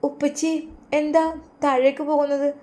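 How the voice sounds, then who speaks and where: A woman's voice: sits high, level tone, normal speed, darkish tone, pitched above the performer's own voice, close to an everyday voice. A woman voicing a young girl who misses her absent mother, speaking with a Malappuram accent in a tearful, pleading way. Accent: Malappuram Malayalam.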